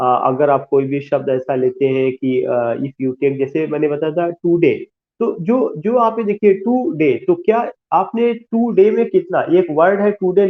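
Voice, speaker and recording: A man giving a classroom lecture, explaining slowly, repeating key terms and asking rhetorical questions. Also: fairly high pitch. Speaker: teacher. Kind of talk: classroom lecture mixing Hindi and English. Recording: tinny phone-like sound.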